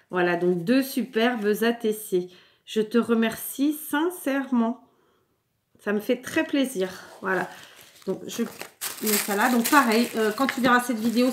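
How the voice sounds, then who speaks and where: A French woman with a somewhat high voice chats casually as she shows the mail she received. She stumbles, repeats words and fills pauses as she goes. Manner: chatty, stumbling restarts and fillers. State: clearing her throat, something in the throat. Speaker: scrapbooking vlogger.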